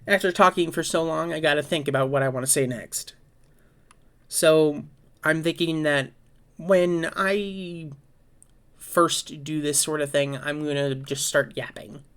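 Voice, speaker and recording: Rambling woman with a low voice. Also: fairly even intonation, unhurried. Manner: rambling, informal, self-correcting, swears. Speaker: vlogger. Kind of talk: casual solo chat and storytelling.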